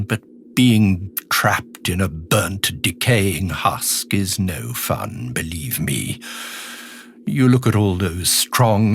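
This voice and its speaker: An actor playing a decaying, skeletal alien villain in an audio drama monologue, charming, sinister and self-pitying, confiding in the listener with sardonic relish. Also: male voice, lowish voice, a little hiss or hum. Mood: quietly menacing. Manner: theatrical, confiding, sardonic, drawn-out menacing phrases.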